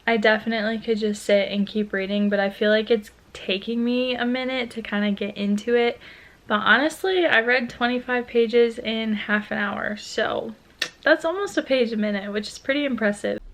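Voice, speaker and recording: A young woman chatting casually at home in a vlog, gushing and excitable. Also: fairly high pitch. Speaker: book vlogger.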